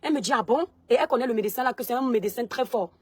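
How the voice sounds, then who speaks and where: A woman, telling a personal story straight to her followers in an animated way. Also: fairly high pitch, rapid-fire, breathy edge, no room sound. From Cameroon. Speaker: vlogger. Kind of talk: personal testimony to viewers.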